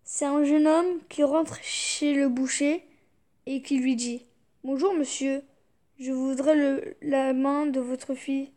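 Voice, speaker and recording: A woman's voice: sits high, steady tone, slow pace, warm tone. A young woman YouTuber reading jokes aloud, fighting back giggles and muttering reactions between them.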